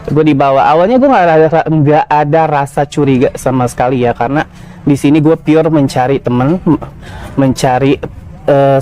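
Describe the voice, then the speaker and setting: Man, 30s, podcast guest, warm mellow tone, casual confessional storytelling. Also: mid-range voice, a little hiss or hum. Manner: casual slangy confessional, many fillers. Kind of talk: personal storytelling.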